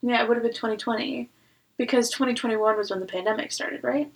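A woman's voice: on the high side, quick pace, creaky, low-quality recording. A woman co-hosting a podcast in casual chat, chatty and laughing, with lots of "like". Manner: chatty, laughing, filler-heavy. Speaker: podcast co-host.

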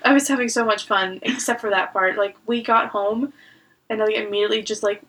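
A woman's voice: medium pitch, steady tone, brisk, fairly bright tone, low-quality recording. A woman co-hosting a podcast in casual chat, chatty and laughing, with lots of "like". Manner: chatty, laughing, filler-heavy. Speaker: podcast co-host.

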